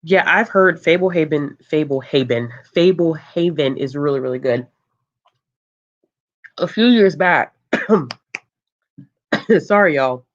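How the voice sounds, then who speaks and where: Slowly and with long pauses, a book channel host reads viewer comments during a laid-back livestream chat. The voice is calm and low, laughter comes often alongside lots of ums, and the highs are cut off.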